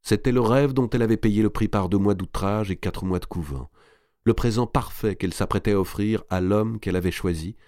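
Male audiobook narrator, very low voice, dry close sound, measured novel reading. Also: warm tone, dry recording. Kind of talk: scripted narration of a historical novel.

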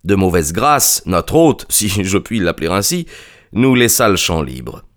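A man narrating a classic story in a measured, literary manner. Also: low-pitched, sing-song, a bit bright. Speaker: audiobook narrator. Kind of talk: scripted narration.

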